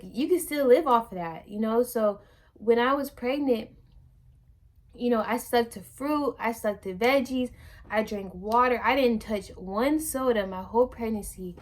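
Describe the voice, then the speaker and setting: A woman's voice: medium pitch, darkish tone. A young woman and new mother chatting to camera in a loose, rambling way, full of fillers and restarts. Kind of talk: casual chat to camera.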